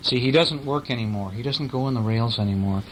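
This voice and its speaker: Dad reading a gentle bedtime story. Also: male voice, medium pitch, brisk, slight background noise, low-quality recording. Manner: gentle, asks the child questions between reading. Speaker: father reading to a child.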